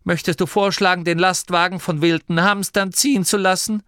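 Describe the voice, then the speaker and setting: A man's voice: sits high, fairly even intonation, moderate pace, fairly bright tone, clear, resonant tone, no echo, studio quality, pitched above the performer's own voice. A man voicing a stuffy, dismissive older male gnome with a pompous manner.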